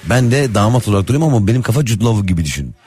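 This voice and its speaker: A man's voice: fairly low pitch, big pitch swings, very fast, mellow, faint music behind. A man hosting a radio show in casual, comic banter, teasing and acting out imagined scenes.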